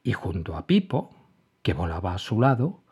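A man reading a children's story aloud in an expressive, animated storybook narration. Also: sits low, moderate pace, breathy edge. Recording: dull lo-fi recording.

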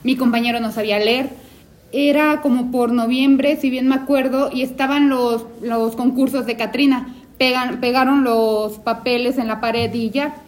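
A woman tells a school anecdote in a lively way, quoting what people said. Her voice is high. She talks in a chatty panel-discussion manner. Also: moderate pace. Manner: animated storyteller, quotes people.

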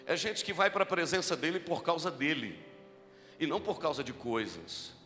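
A man preaching a sermon at a church event in Brazil, with a deep, strong voice, telling stories and repeating key lines as he builds to fervent exhortation. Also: lively intonation, normal speed, bright, forceful tone. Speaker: pastor. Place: large church hall. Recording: live church recording with long reverb and music.

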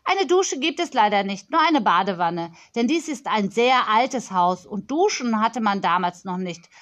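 A woman's voice: mid-range voice, lively intonation, a little slow, a bit bright. A woman voicing a spoiled, bossy ten-year-old girl who talks in a prim, demanding way.

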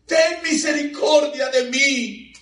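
A man preaching voices a desperate mother who cries out loudly for mercy, drawing out her pleas. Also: extremely high pitch, fairly even intonation, pitched above the performer's own voice, full character voice. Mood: pleading. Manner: loud, drawn-out cries. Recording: echoey hall, mic far off.

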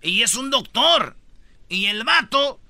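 Bright, high-voiced radio joker. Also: male voice, sing-song, slow pace, no room sound. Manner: loud and joking, slangy. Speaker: radio show host. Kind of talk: comedic radio banter.

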